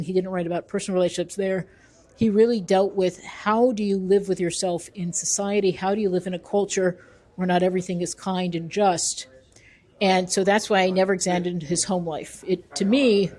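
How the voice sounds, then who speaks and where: Her voice low-leaning and mellow, a middle-aged author and researcher responds to an interviewer in a conversational way. She is emphatic and opinionated, taking time to explain her points.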